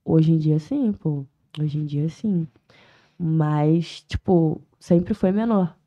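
A woman's voice: deep voice, slow, warm tone, lo-fi sound. A woman, a rapper guest talking in a casual podcast interview, full of street slang and emphatic, heartfelt points. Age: 20s.

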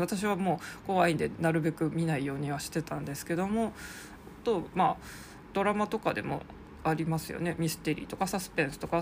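A podcaster talking in a polite, rambling monologue, padding sentences with soft filler phrases. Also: mid-range voice, slight background noise. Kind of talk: casual solo podcast monologue.

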